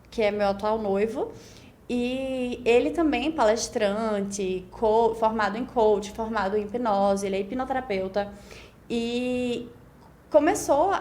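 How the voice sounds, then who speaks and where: A woman's voice: on the high side, a little mellow, a little hiss or hum. Young Brazilian woman, reflective podcast guest. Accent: Brazilian Portuguese, Pernambuco. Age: 20s. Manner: reflective, talks in long run-on stretches with frequent "né?". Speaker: guest, beauty pageant winner. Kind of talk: casual podcast interview.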